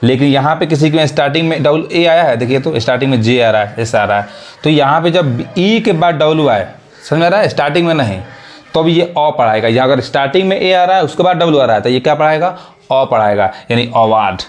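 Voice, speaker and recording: A man's voice: on the high side, animated, fast. A man teaching English pronunciation rules in Hindi, repeating his points and often checking whether his listeners understand. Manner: repetitive teaching, asks "samajh mein aa raha hai?". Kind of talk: classroom explanation.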